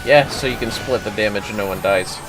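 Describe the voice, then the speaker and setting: Game music plays as a male gamer hosts his stream, offering casual commentary and showing how to play. He talks fairly quickly in a voice on the low side, and the recording is rough.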